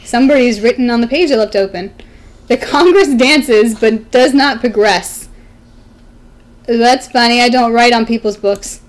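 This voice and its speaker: A woman voicing a high-pitched, dainty, princess-like schoolgirl heroine. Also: unhurried, close to an everyday voice. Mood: surprised, concerned. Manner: dainty princess-like delivery, exclaiming. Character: polite, earnest schoolgirl heroine of a visual novel. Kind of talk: live dramatic reading of a visual novel. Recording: faint music behind.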